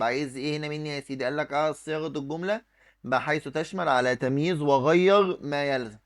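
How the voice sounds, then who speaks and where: With a fairly high pitch and fairly bright tone, a man with an Egyptian Arabic accent teaches an exam review lesson as an Arabic teacher. He explains step by step, writing on the screen and responding to his own questions.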